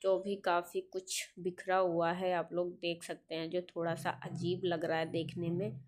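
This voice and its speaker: A young woman telling family stories in a casual home vlog, chatty and quick to laugh. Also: on the low side, flat delivery. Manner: chatty, giggly storytelling. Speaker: vlogger. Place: at a relative's home.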